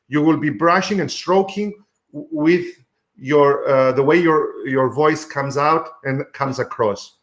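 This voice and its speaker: A man with a fairly high voice hosts a live mentoring stream from a room at home. He coaches patiently and instructively, with many fillers along the way. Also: a bit bright. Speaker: host and sales mentor.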